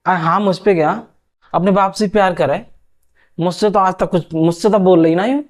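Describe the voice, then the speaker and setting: A man voicing a sharp-tongued middle-aged mother who grumbles and shouts for her son. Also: high voice, moderate pace, close to an everyday voice. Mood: grumbling.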